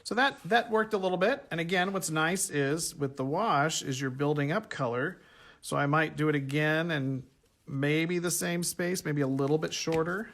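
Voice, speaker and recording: A man's voice: on the high side, normal speed, fairly bright tone. A man teaching a painting workshop in a casual, chatty way, thinking aloud as he works at a table. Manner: chatty, thinks aloud while working, self-correcting. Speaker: art instructor. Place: home art workspace at a table.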